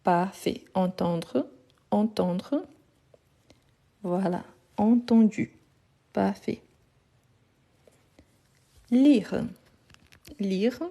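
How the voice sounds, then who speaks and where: Using her phone for a live online class, this French teacher repeats every verb slowly. She has a warm, mid-range voice and patiently approves her students' answers as she confirms them.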